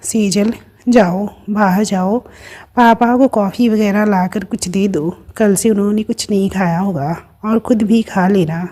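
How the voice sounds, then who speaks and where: A woman's voice: mid-range voice, measured pace, close to an everyday voice. Sunanda, a woman voicing a tearful ailing mother. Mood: soft. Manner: soft, tearful pleading. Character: gravely ill mother, tearful and pleading.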